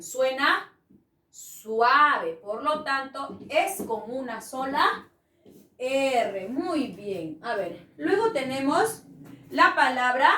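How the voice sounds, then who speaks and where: A woman's voice: sits high, bright, forceful tone, distant mic. A woman teaching a spelling lesson to children, patient and coaxing, often asking the class questions. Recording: echoey room, voice from off-mic.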